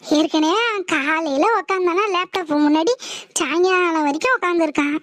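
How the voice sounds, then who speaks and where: Woman doing an older mother-in-law in a cartoon, talk, high voice, plain and practical. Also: normal speed, fairly bright tone, no room sound, clean studio sound. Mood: matter-of-fact. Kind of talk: cartoon voice acting.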